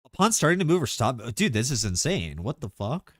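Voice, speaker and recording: A man streaming live, chatting casually and excitably about game mechanics, rambling with lots of filler words. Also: mid-range voice, a little fast, no room sound, studio quality.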